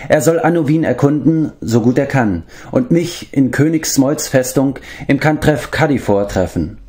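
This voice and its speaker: A resolute warrior lord, grave and commanding, spoken higher than the reader's usual tone, as a man puts him on. Every line sounds firm and final, read from a storybook. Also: animated, moderate pace, mellow, close to an everyday voice.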